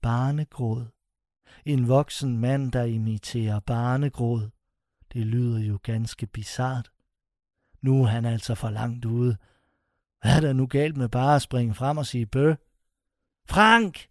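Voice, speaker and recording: Man reading a horror tale, mellow and dry. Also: medium pitch, fairly even intonation, no echo. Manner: suspenseful, slows down on dramatic phrases. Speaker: narrator. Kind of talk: scripted horror story reading.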